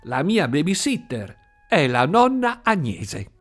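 A man's voice: a little high, wildly swooping pitch, slow pace, voice pushed up, full character voice. A man voicing a sulky, secretive little girl in a read-aloud story.

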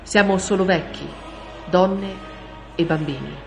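A woman voicing an old man who answers quietly and with forced calm. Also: lowish voice, creaky, faint music behind. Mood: tense calm. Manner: quiet, measured, restrained.

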